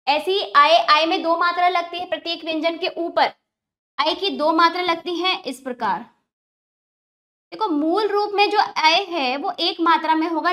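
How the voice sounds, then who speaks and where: A woman teacher, giving a slow, careful grammar lesson to children and repeating sounds for them to copy. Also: very high voice, pushed and bright.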